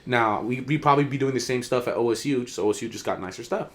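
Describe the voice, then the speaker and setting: A young man, a college football player, co-hosting a casual podcast and telling stories in slangy talk, acting out quotes with big jumps in pitch and loudness. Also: fast talker. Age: young adult. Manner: slangy, swears freely.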